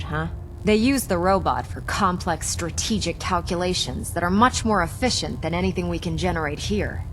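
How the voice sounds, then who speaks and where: An actress playing a wry, pragmatic military engineering officer in a video game, with a dry, matter-of-fact delivery. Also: female voice, on the low side, slight background noise, close to an everyday voice, rough recording. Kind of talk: scripted video game dialogue.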